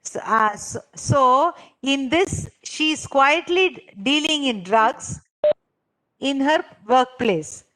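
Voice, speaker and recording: On a rough recording, a woman with a high, animated, fairly bright voice speaks slowly. She is a trainer running an interactive online clinical interviewing course. She explains step by step, repeats herself, quizzes participants, and often checks that they understand.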